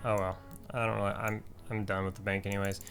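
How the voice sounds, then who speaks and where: A man's voice: fairly low pitch, little pitch movement, fast, fairly bright tone, faint music behind. Rambling man narrating his gameplay. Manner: rambling, many fillers and restarts. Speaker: gaming channel host. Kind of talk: casual gameplay commentary.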